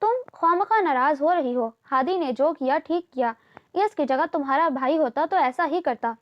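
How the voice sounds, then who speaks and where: A calm, middle-aged mother read by a female narrator gently reasoning with her daughter in an audio novel. The voice sits high. The recording is a little dull. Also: moderate pace.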